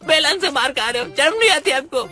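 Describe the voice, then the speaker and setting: Brief: man as a high, bright, whiny cartoon henchman, soft music under. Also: lively intonation, fairly quick, heavily acted. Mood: whining. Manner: whiny and rustic. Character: dim-witted male goon sidekick, complaining. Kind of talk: cartoon voice acting.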